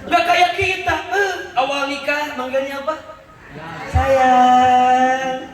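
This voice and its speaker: A man's voice: very high-pitched, fairly even intonation, takes it slowly, a bit bright. A man preaching a humorous sermon, quizzing the congregation and acting out scenes. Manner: joking, questions the crowd, acts out scenes. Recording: echoey hall, mic far off.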